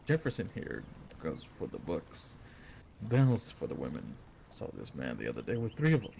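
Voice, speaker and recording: A man's voice: sits low, wildly swooping pitch, normal speed, creaky, a little mellow, slight background noise. A man chatting in character during a role-play game, mischievous and needling.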